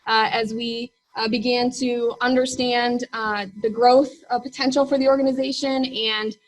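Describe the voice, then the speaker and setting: Higher-pitched woman presenting, full of ums. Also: flat delivery, moderate pace, slight background noise. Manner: hesitant, frequent ums. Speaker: chief executive speaking at annual meeting. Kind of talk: informal meeting presentation. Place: meeting room.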